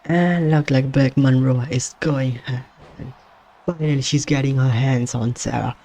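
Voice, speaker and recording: A man doing play-by-play commentary on a wrestling video game, excitable and exclaiming at surprises, his voice strained and going hoarse. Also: mid-range voice, unhurried. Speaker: gaming channel host doing commentary.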